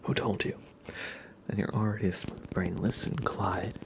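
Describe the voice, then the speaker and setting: A man's lowish voice holds a steady tone at a moderate pace over heavy background noise. He's running an ASMR livestream, speaking in a whispery, somewhat stuffy voice right up against the mic while casually teasing his viewers.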